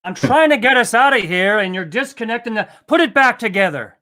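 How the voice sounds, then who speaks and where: A man's voice: extremely high pitch, animated, a little fast, sharp tone. A man from Canada with a Canadian accent, a guest on a casual live stream, joking and self-deprecating. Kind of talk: casual chat.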